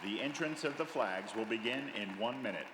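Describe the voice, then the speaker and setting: A man making a formal public address announcement over hall loudspeakers at a convention, measured and formal. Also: mid-range voice, expressive, a loud crowd. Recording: echoey loudspeaker announcement in a large hall with background noise.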